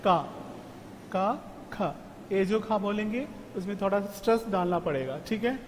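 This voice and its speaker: A male teacher from giving an online class, slowly drilling syllables one at a time and checking in with his students. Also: sits high. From South India. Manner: slow, drilling syllables one by one with frequent "theek hai?". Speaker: Hindi teacher. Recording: reverberant room with faint ambient noise.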